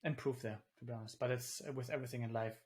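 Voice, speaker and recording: Speaking very fast in a steady, darkish mid-range voice, this man rambles as an interview guest on a video call, full of fillers and restarts. The conversation is casual; he's a native German speaker from Germany who lives in the Netherlands.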